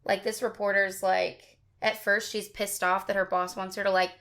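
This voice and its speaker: A woman's voice: medium pitch, flat delivery, normal speed, fairly bright tone. Young woman chatting about horror films. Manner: hesitant, filler-laden. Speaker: podcast co-host. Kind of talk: casual film review chat.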